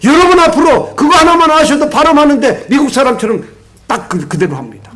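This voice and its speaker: An older man preaching a sermon in a strikingly high voice, moving between loud, emphatic bursts and low asides. He tells stories with energy and calls on the congregation to respond together. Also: expressive, a little fast. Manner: leads the congregation in call-and-response. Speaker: pastor.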